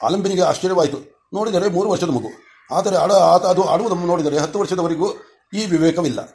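A man narrating an audiobook in a steady, measured storytelling way. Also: high voice. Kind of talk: scripted narration.

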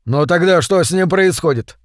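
A man's voice: sits high, normal speed, no echo, studio quality, voice pushed up, natural voice. A man reading the lines of a practical man who offers suggestions during a crisis in an audiobook. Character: adult man, practical and speculating.

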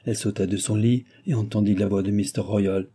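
A man narrates a novel in a steady, measured reading. His voice is low, very dark and somewhat husky. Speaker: audiobook narrator.

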